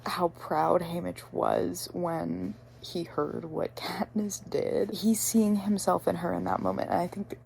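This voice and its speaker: A woman musing aloud about a book character in a casual, drawn-out way, with the odd swear. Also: lowish voice, little pitch movement, gravelly, a little mellow, a little hiss or hum. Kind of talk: casual reaction vlog.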